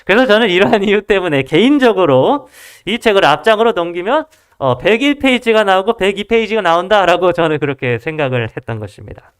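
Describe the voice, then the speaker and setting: Smooth-voiced preacher, lively pitch. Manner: addresses the congregation directly with rhetorical questions; storytelling, measured formal delivery. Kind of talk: sermon.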